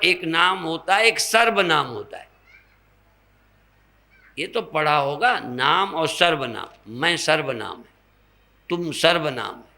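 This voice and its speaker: An older man delivers a spiritual sermon at a very unhurried pace, his voice gravelly and fried at the edges. The tone is bright and forceful, a little higher than most men, and he teaches by posing questions to his listeners. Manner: slow, teaching with rhetorical questions and examples. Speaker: swami giving a spiritual discourse.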